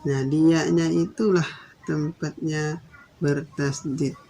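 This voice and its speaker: A man teaching Quran recitation, explaining patiently and repeating his points, then chanting verses slowly and drawn out. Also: fairly high pitch, little pitch movement, vocal fry, mellow, rough recording. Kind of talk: slow explanatory recitation lesson.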